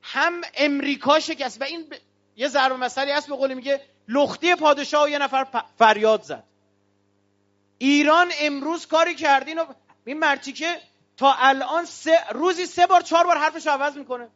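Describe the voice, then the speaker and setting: A man from Iran addresses an audience in a passionate, declamatory speech, his voice sitting unusually high. His tone is bright and cutting, and he rises into shouts. The recording sounds dull and lo-fi. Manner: fiery and declamatory, with bursts of shouting. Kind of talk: impassioned political speech.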